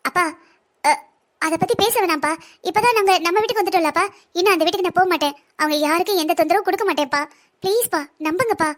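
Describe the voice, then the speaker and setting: A woman voicing a defiant, arrogant young woman in a family cartoon, taunting and talking back in a quick, high voice. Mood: pleading. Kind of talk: Tamil cartoon voice acting.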